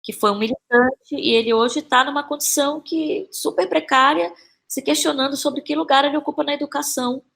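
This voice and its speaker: This woman's voice sits high and a bit bright, with fairly even intonation and vocal fry. A Brazilian Portuguese–accented playwright and actress, she's a podcast guest reflecting loosely on her creative work, halting often, hunting for words, repeating phrases, and leaning on tag questions.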